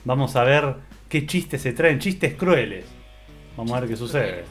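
A man's voice: medium pitch, a little slow, soft background music. A man from Argentina hosting a reaction video, chatting casually and stumbling over names. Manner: relaxed, stumbles and repeats words.

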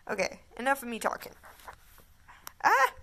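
A woman's voice: medium pitch, moderate pace, pushed and bright. A woman giving casual, chatty commentary as she makes a gaming video.

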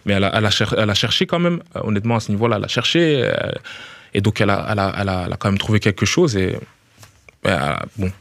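A footballer in his thirties, Belgian with a Liège accent, chats relaxedly in a small radio studio, talking fast, repeating words as he searches and saying "tu vois." His fairly low voice has lively intonation, vocal fry and a fairly bright tone, captured on a studio mic with headphones with no echo.

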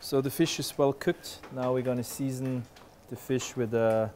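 A man's voice: mid-range voice, normal speed. Chef guy, 40s, explaining his dish in a big kitchen, lots of uh's, light background hum. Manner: relaxed, explanatory, frequent "uh" fillers. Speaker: head chef. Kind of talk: explaining a dish while cooking. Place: large restaurant kitchen. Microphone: lapel.

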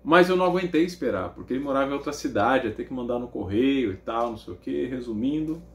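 Brazilian preacher, animated testimony storyteller, mid-pitched voice, roomy echo. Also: male voice, fast talker. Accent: Brazilian Portuguese. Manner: animated storytelling, acts out dialogue.

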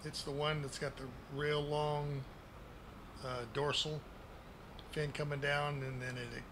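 A man's voice: a little high, flat delivery, takes it slowly. A grandpa-like man in his sixties giving a casual, unscripted game tour in a folksy, plain-spoken way at a desk microphone. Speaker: gaming video creator giving a base tour. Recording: clearly noisy home recording.

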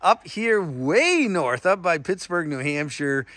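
A man's voice: fairly high pitch, sing-song, takes it slowly, fairly bright tone. A man hosting an outdoor vlog from behind the camera, hyping things up like a showman and addressing viewers as folks. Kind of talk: excited outdoor vlog commentary. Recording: noisy outdoor camera audio, wind and ambience.

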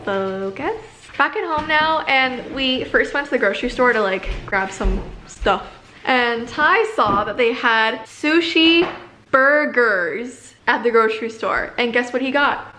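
A woman's voice: on the high side, lively intonation, a little slow, sharp tone, a little hiss or hum. A woman vlogging casually at home, chatty and full of "like". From Canada. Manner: chatty, says "like" a lot. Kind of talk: casual vlog chat.

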